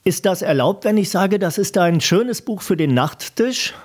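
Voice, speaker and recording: A man's voice: high voice, animated, normal speed, darkish tone, husky. A man interviewing a guest, asking conversational prompting questions.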